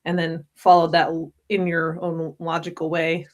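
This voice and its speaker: Woman host w/ a lowish voice, long thoughtful questions. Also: completely flat delivery, moderate pace. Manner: thoughtful, winding questions with restarts. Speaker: podcast host. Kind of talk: interview questions.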